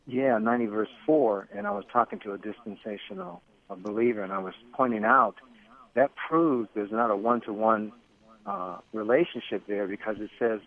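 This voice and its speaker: A man's voice: fairly low pitch, lively intonation, moderate pace. A male caller on a radio show, heard over a phone line, eager and repeating words as he starts.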